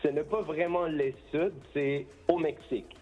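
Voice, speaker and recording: A man's voice: on the high side, fairly even intonation, unhurried, phone-quality sound. A man who grew up in Costa Rica, a band member giving a casual radio interview, hesitant, with many restarts, moving between French and Spanish.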